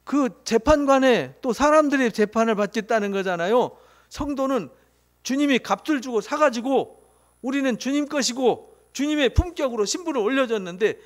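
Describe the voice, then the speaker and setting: A male pastor with a notably high voice preaches to his congregation. He presses his points with rhetorical questions and animated emphasis, then sinks into hushed asides. His delivery sounds middle-aged and earnest. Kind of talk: sermon.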